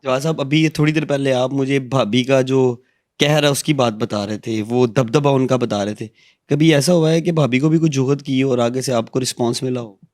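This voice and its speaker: A man's voice: medium pitch, steady tone, moderate pace, a little mellow, no room sound. Male interviewer, dry close sound. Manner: polite, deferential questioning. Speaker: interview host.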